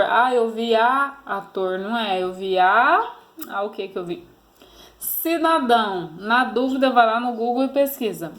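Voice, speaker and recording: A Brazilian woman teacher giving a recorded grammar lesson to children, patiently posing fill-in questions and coaxing answers. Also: mid-range voice. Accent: Brazilian Portuguese.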